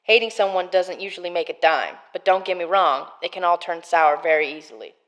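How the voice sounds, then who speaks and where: A woman's voice: on the low side, fairly quick, a bit bright, close to an everyday voice. A woman voicing a hardened male prison gang captain in a murder mystery game, trying for a Boston accent that keeps slipping. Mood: tough.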